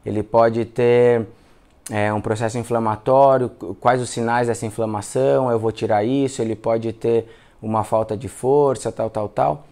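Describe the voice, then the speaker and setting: A man's voice: mid-range voice, normal speed. A man with a Brazilian Portuguese accent, a physiotherapist giving a casual live class, telling patient stories and acting out the dialogue. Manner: animated storyteller, acts out dialogue, repeats words. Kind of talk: casual spoken lesson with case stories.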